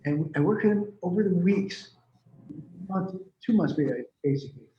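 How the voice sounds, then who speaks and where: A man's voice: high-pitched, moderate pace. Rambling talkative man in his seventies. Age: 70s. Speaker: healer and medium being interviewed. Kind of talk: casual interview talk. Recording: echoey room, dull lo-fi sound.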